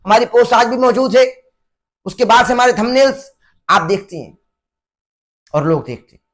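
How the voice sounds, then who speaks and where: A man's voice: very high-pitched, animated, normal speed, a bit bright. A man speaking to camera in a preachy, repetitive way, issuing a challenge and urging someone to repent. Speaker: online religious commentator and vlogger. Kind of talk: direct-to-camera challenge vlog.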